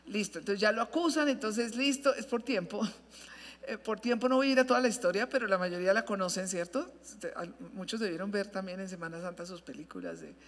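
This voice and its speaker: Woman preaching in a reverberant hall. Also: medium pitch. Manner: expressive preaching, drawn-out emphatic phrases, frequent self-corrections. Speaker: pastor. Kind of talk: sermon.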